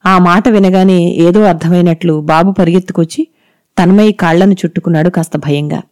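Calm woman narrating a story, mellow. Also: fairly low pitch, fairly quick, no room sound, clean studio sound.

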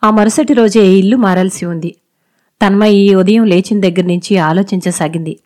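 A woman reading a short story aloud in a steady, measured way. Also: mid-range voice. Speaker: narrator. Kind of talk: scripted story narration.

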